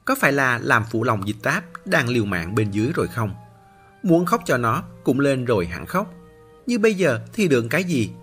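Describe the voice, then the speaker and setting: A male narrator voicing a stern woman who scolds the others sharply, with a husky voice. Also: mid-range voice, very animated, moderate pace, fairly bright tone, soft background music. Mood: scolding.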